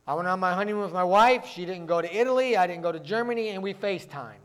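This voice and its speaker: A man from the northern United States preaching a sermon as pastor, talking fast and mixing in joking asides. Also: high-pitched, fairly bright tone.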